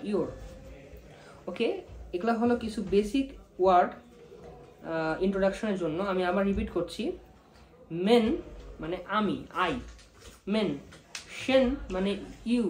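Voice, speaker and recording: A man whose first language is Bengali gives a casual spoken language lesson, repeating each word slowly and spelling it out. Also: sits high. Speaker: language teacher. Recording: echoey room.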